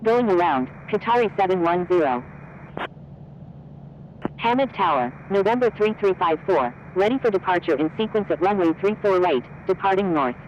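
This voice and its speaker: A man's voice: high voice, animated, moderate pace, slight background noise. A man speaking as an airline pilot over a cockpit headset radio, reading back instructions in clipped aviation phraseology. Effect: pilot radio transmission from a cockpit headset. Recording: dull lo-fi radio transmission.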